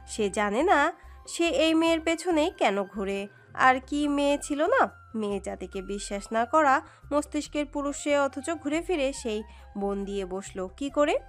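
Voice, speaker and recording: A woman reading a romantic story aloud in an expressive, dramatic narration. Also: high-pitched. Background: soft background music.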